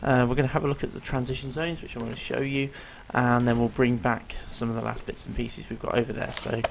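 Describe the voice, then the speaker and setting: Talking fast in a level, medium-pitched tone, this gameplay commentator explains what he's doing with lots of ums and uhs. His voice sounds rough, tired, and strained to the point of failing, and there's noise in the background.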